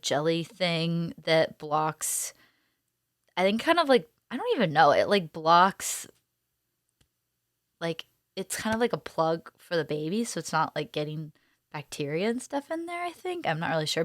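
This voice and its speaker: A young woman in her twenties casually telling a personal story, chatty and animated, often saying "like" and acting out what she and others said. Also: deep voice, no room sound, studio quality. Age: 20s. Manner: chatty, heavy use of "like", animated quoting of herself. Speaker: young mother sharing her birth story.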